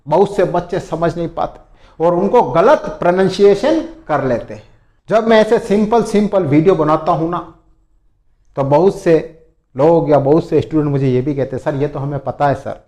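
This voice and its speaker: A man teaching English vocabulary, repeating each word slowly for drilling. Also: on the high side, warm tone. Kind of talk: spoken vocabulary lesson. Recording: echoey room.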